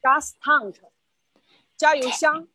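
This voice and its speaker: A woman's voice: high-pitched, steady tone, slow, pushed and bright, slight background noise. A woman student in an online lesson, hesitantly repeating English vocabulary words over a video call.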